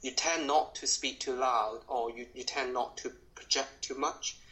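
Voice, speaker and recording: A woman with a strong Cantonese accent, speaking informally and reflectively as a voice teacher, haltingly rephrasing as she goes. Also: rumbling low, fairly even intonation, fairly bright tone, low-quality recording. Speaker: drama school voice teacher.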